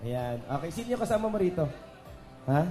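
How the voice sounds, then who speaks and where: At an indoor children's party, a male magician hosts with lively crowd banter, joking, teasing, and coaxing kids and guests into cheers. His warm voice is a little high, fairly quick, and swings widely in pitch. He uses a handheld microphone through PA speakers, so the audio echoes, with party music playing behind him.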